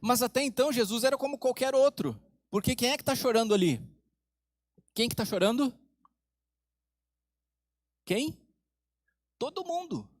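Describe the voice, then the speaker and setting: A man preaching a sermon as pastor, with dramatic pauses, dropping low and soft for emphasis and asking the congregation questions. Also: dry recording.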